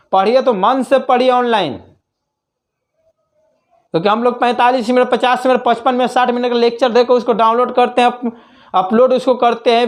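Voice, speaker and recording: A man teaching a math class online, explaining step by step, repeating points and asking the students questions. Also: very high voice.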